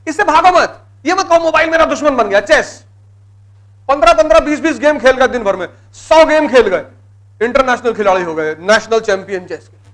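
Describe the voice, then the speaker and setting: A man's voice: very high-pitched, a bit bright. A middle-aged man giving a motivational lecture to exam students, exhorting them with blunt commands and repeating key words for emphasis.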